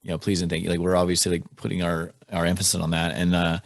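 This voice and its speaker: A man hosts a podcast, talking quickly in a low voice. His delivery is chatty and loose, full of "like". The sound is close and dry. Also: completely flat delivery, dry recording. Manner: quick and chatty, uses "like" a lot. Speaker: podcast host. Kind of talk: casual conversational interview.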